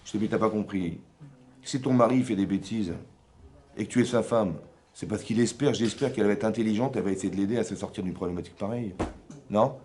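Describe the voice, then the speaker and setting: A man, a rabbi giving a lively Torah lesson to a women's class, acting out imagined dialogues and often checking with his listeners. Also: lowish voice, fast talker. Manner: conversational, asks listeners for assent.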